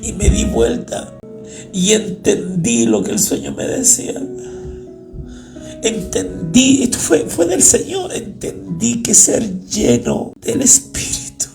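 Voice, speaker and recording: A man preaching a sermon, telling a dream with rising emotion and loud cries. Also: sits high, very animated, slow pace, gravelly, over music. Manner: emotional, builds to shouting and crying cries. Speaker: pastor.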